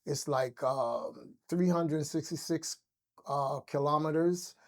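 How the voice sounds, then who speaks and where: Rambling loosely through his stories with many fillers, an older Barbadian man speaks as a guest in a casual interview. His voice is a little high and creaky, and he talks slowly.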